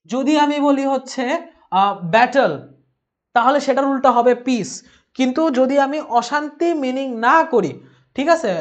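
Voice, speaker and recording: A young man with a Bangladeshi Bengali accent, lecturing as a tutor on exam vocabulary and often checking that students follow. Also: extremely high pitch.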